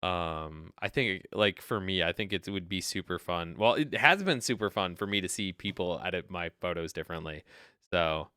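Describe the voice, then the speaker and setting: A man hosting a casual photo editing livestream, talking in a relaxed way with lots of fillers and encouraging his co-editors. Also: low voice, normal speed, clear, resonant tone, no room sound, clean studio sound. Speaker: host of a photo editing stream.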